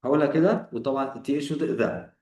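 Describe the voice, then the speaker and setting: A man's voice: medium pitch, quick pace, a little mellow, distant mic. Egyptian man teaching in an echoey room. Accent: Egyptian Arabic. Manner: explains step by step, repeating examples and asking rhetorical questions. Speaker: English teacher. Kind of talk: grammar lesson.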